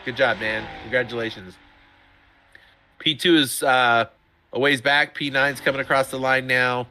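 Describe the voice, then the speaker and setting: A middle-aged man giving chatty, excitable sim racing commentary, often laughing. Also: medium pitch, moderate pace. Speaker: race commentator.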